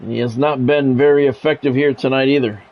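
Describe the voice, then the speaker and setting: On a live stream, a man with a mid-range voice and fairly even intonation talks fairly quickly while narrating a football video game play by play. Plain, grumbling chat mixes into the commentary, and the audio sounds dull.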